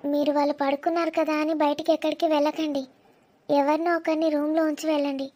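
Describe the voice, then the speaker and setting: A polite, fussy young woman, played by a woman in a comedy skit, keeps giving careful instructions. Her voice is high and clear. She sounds patient but a little exasperated. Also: warm tone, natural voice.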